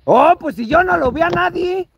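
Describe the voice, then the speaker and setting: A man's voice: very high-pitched, lively intonation, moderate pace, vocal fry, lo-fi sound, slight background noise. A man with a Mexican accent scolding someone in a comic one-sided argument, exasperated and repetitive. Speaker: vlogger.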